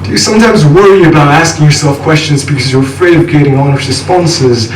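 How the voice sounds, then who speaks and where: A young man from Nepal performs his poetry live in a rhythmic, intense, wry way. His voice sits fairly high for a man. He is recorded from across a reverberant room, with noise behind him. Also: fairly quick. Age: young adult. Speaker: spoken word poet. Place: live venue with an audience. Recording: echoey room from a distance, noisy.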